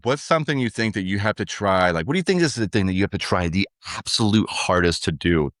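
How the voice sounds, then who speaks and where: A man with a very low voice tells a story on a podcast, slipping into the voices of the people in it. He sounds close to the mic, with a dry, unechoing sound and no room behind him. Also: quick pace, no echo. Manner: animated storyteller acting out others' lines. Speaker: podcast co-host. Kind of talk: casual conversational storytelling.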